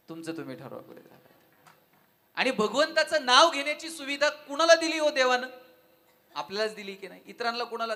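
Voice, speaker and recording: A man giving a devotional talk at a live event, telling funny anecdotes and putting questions to the audience. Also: high voice. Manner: lively storytelling, asks the audience questions. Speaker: devotional speaker.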